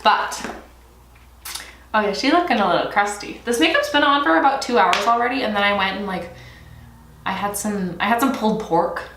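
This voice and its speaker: A woman's voice: mid-range voice, lively intonation, normal speed, long pauses. A young woman chatting through a makeup tutorial, a little stuffy from allergies, swearing playfully and breaking into squeals. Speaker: beauty vlogger. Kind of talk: casual makeup tutorial chat. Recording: echoey room, faint noise.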